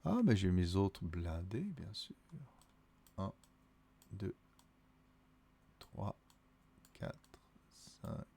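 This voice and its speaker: Swiss guy w vaudois accent mumbling thru a solo wargame, dark mellow voice, kinda gravelly. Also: low-pitched, sing-song, extremely slow, pauses often, a little hiss or hum. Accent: Vaudois Swiss French. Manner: mutters and counts under his breath, musing to himself. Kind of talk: thinking aloud through a solo board wargame.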